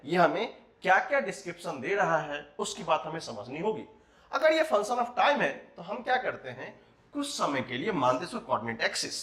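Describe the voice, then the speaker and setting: A man's voice: high voice, fairly bright tone. A man teaching a physics class, mixing Hindi and English and asking rhetorical questions. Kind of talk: classroom lecture. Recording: roomy echo.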